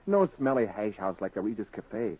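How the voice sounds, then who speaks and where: Casting: blustering, easily scared American schemer husband, swooping pitch, old radio drama, phone-like sound. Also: male voice, very animated, moderate pace, slightly rough. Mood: excited, boastful. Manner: blustering, stammering when nervous. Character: excitable working-class husband, grabby, scheming but easily scared.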